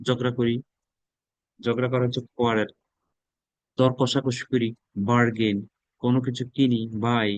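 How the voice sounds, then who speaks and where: A man's voice: mid-range voice, darkish tone, no room sound, poor audio. A man with a Bangladeshi accent teaching a spoken English class. He drills words aloud and repeats them. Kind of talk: classroom lesson.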